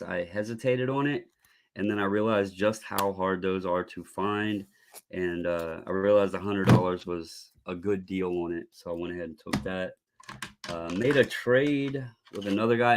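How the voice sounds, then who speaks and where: Low, scratchy-throated man chatting on stream. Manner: rambling, conversational storytelling. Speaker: live stream host. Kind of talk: casual hobby chat to a live stream audience.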